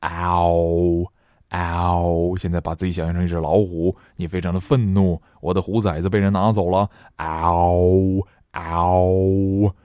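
Deep-voiced man drilling pronunciation slowly. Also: darkish tone, no room sound, clean studio sound. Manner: models each word slowly and repeats it twice; switches between explaining and drilling words aloud. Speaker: English pronunciation teacher. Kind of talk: recorded pronunciation lesson.

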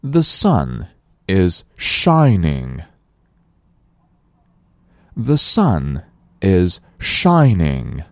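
A man whose first language is Chinese, teaching English pronunciation and reading each word slowly twice for his students to repeat. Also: deep voice, darkish tone, dry recording. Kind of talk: language lesson, reading words slowly for repetition.

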